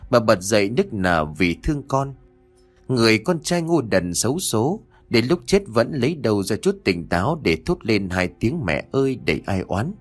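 A man narrating an audiobook horror story in a slow, dramatic storytelling manner. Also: fairly low pitch.

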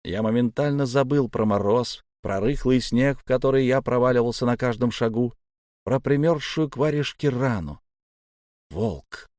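A man giving a measured, tense first-person audiobook narration. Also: mid-range voice, darkish tone, dry recording, studio quality.

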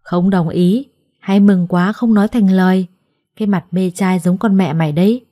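A woman's voice: mid-range voice, steady tone, normal speed, warm tone, no room sound, clean studio sound, lightly acted. A woman voicing a harsh, spiteful older adoptive mother who scolds with scorn in a storybook reading. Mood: scornful.

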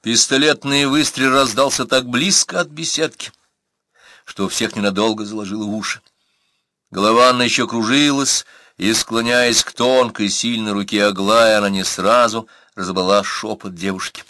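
A man reading an audiobook aloud, narrating steadily and acting out the characters' lines with a raised, louder voice. He reads into a close studio mic. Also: on the low side, moderate pace, no echo.

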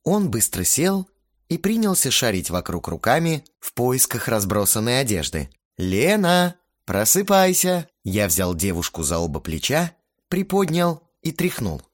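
A man's voice: mid-range voice, sing-song, moderate pace, no room sound. A man narrating an audiobook in a wry, amused way, close to the mic. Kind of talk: audiobook reading.

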